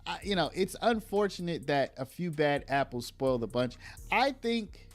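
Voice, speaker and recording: Lively, chatty online commentator. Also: medium pitch, normal speed, faint music behind. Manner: chatty, says "y'all" often. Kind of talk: casual commentary addressed to viewers.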